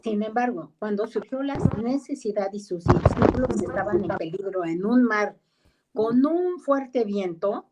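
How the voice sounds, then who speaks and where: A woman's voice: medium pitch, lively intonation, heavy background noise. A middle-aged woman with a Mexican Spanish accent teaching a discipleship class over a video call, talking in a conversational way and acting out the voices she quotes. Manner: conversational, acts out quoted voices, pauses to ask people to mute. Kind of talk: online Bible class teaching.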